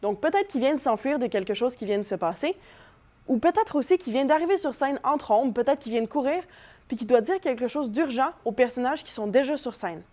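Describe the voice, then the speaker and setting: A woman's voice: high-pitched, animated, brisk, mellow. A young woman teaching a children's voice lesson, encouraging and demonstrating vocal exercises. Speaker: drama teacher. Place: living room at home.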